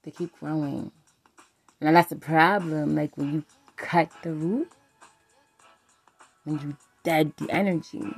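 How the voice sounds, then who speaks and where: Soft music plays behind a woman with a deep, slightly rough voice who speaks slowly, with long pauses and fairly even intonation. Hosting a podcast, she rambles candidly about relationships, swearing freely and leaning heavily on "like."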